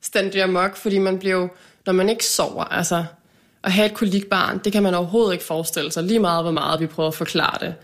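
A woman's voice: on the low side, fairly even intonation. A woman speaking frankly and reflectively in a casual conversation, often ending phrases with a question tag. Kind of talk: casual chat.

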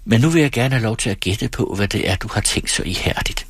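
A man voicing a teasing, restless young married woman in a read-aloud story, in a lightly mocking, quick manner. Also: fairly low pitch, animated, slightly rough, dry recording.

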